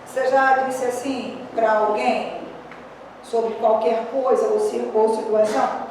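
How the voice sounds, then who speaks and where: High-voiced woman pastor preaching. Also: slow pace, a little hiss or hum. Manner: animated storytelling preacher. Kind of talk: sermon. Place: church. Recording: echoey church hall, distant mic.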